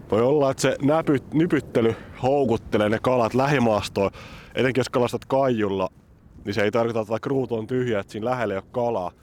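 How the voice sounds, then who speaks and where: Excitable man from vlogging outdoors. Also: mid-range voice, slight background noise. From Helsinki, Finland. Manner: excitable, chatty, explaining technique. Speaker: fishing vlogger. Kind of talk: casual outdoor vlog narration. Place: outdoors on a frozen city lake.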